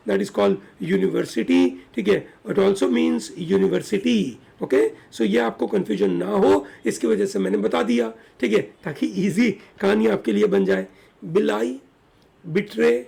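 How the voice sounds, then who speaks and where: A man's voice: sits high, creaky, darkish tone, breathy edge. A man with an Indian English accent teaching an online exam-prep vocabulary lesson, switching between Hindi and English and often asking "yes or no".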